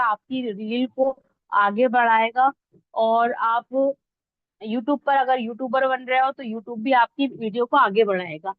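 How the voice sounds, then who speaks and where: A high-voiced woman teaches reel editing online in an informal, step-by-step tutorial, keeping it conversational and checking that listeners are following along. The audio is dull, lo-fi, close-miked and dry.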